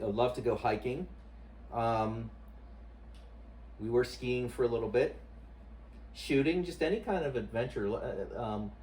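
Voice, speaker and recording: A man answering interview questions casually as a husband, haltingly searching for words and repeating himself. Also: mid-range voice, a little mellow. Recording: distant mic, noisy room ambience.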